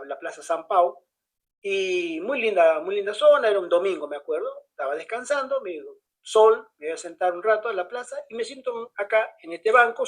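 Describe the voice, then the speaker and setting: A man tells a story in an easy, conversational way. He jumps into the voices of the people in it as he goes and keeps the telling lively. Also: high-pitched, low-quality recording. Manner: animated, acts out the dialogue of others. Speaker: pastor.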